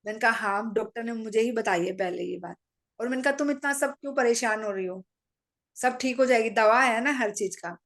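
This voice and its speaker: Calm, higher-voiced woman telling her story. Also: a little fast. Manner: calm, matter-of-fact storytelling with quoted dialogue. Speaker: meditation practitioner sharing her story. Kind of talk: personal testimony to an audience.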